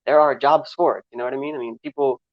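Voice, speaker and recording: A man's voice: medium pitch, fairly even intonation, fast, dry recording. Twenties guy, New York accent, easygoing interview guest who rambles, dry and slightly dull sound. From Trinidad. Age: 20s. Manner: rambling, many fillers and restarts. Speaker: guest filmmaker. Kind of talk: casual interview answers.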